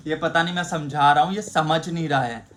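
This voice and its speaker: Guy chatting casual on a home vlog, kinda high voice, insists he's fine, faint background noise. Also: steady tone, fairly quick, a bit bright. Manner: stubborn, protesting, laughing it off. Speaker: vlog co-host.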